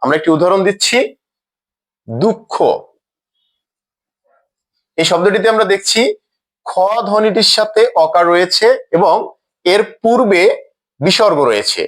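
Man, high voice, teacher, deliberate scripted grammar lesson, repeats example words. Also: lively intonation, fairly bright tone. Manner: slow, deliberate, repeats each example word twice.

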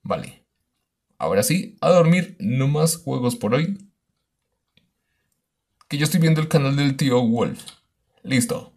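Husky guy doing lively game commentary, voice jumps around a lot, yells when stuff happens. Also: medium pitch, a little slow, long pauses. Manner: animated, exclaims and talks to the game baby. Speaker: gaming YouTuber. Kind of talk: let's play commentary.

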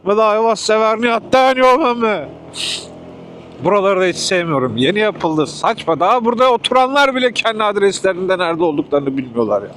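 A man's voice: high-pitched, animated, fairly quick, fairly bright tone, slight background noise. A man from Turkey delivering food by motorbike and ranting in a casual vlog, irritated, swearing and sarcastic. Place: outdoors on a motorbike in city traffic.

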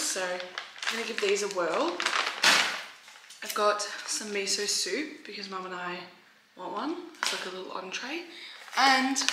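An Australian woman vlogger chats casually in her home kitchen, her mid-range voice loaded with fillers and frequent "like." A camera mic, handheld or propped close, picks her up. The kitchen is echoey, with clear background noise.

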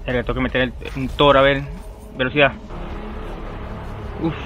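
Young male streamer, loud and excitable, curses freely, bright forceful tone. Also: medium pitch, normal speed, a little hiss or hum. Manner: loud, swearing, shouting at the game. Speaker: gameplay streamer. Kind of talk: excited gameplay commentary.

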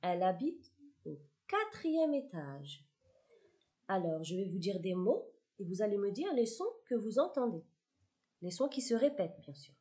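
A woman teaching a primary school phonics lesson, speaking slowly, clearly articulating each word twice and praising the children often. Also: medium pitch, sing-song, dark tone. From Morocco.

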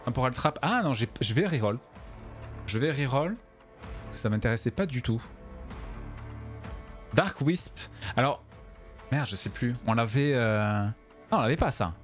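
A man chats through his gameplay stream from home, sounding tired and stumbling over his words now and then. His pitch swings widely as he reacts. Faint music plays behind him. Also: animated, measured pace, pauses often. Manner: chatty, talks to viewers, stumbles over words. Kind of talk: casual gameplay commentary.

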